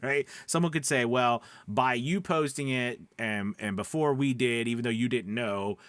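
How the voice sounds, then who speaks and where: Clear and resonant, with a mid-range, fairly bright voice at normal speed, a man who runs a voice-over coaching channel offers casual advice straight to camera. He's emphatic and conversational, regularly using rhetorical questions to make sure viewers keep up, and the sound has no echo.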